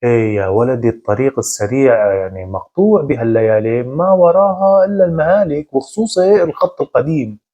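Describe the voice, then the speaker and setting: A man voicing a worried older mother who softly pleads with her son. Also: medium pitch, a little fast, hardly any pauses, highs cut off, close to an everyday voice. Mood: worried, pleading.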